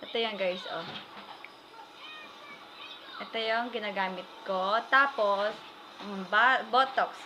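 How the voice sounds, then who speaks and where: A woman's voice: medium pitch, fairly even intonation, takes it slowly, long pauses, pushed and bright. A woman from the Philippines chatting casually in a rambling family vlog from her home kitchen, full of fillers. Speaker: vlogger. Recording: echoey room with noise.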